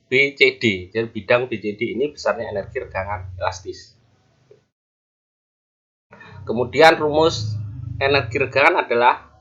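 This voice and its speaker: A male university lecturer explaining engineering formulas step by step, with measured pauses as he reads each formula aloud. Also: medium pitch, bright, forceful tone, muffled recording. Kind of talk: recorded online lecture.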